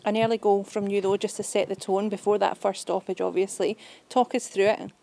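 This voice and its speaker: Woman sports interviewer, post-match; fast, brisk, friendly questions. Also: mid-range voice, level tone, vocal fry, warm tone, dry recording.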